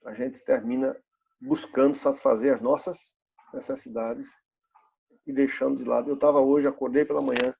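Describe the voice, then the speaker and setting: A man's voice: mid-range voice, fairly even intonation, normal speed, vocal fry, dark tone, breathy edge. A pastor in his fifties preaching a sermon in a church, asking the congregation rhetorical questions and repeating key phrases. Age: 50s.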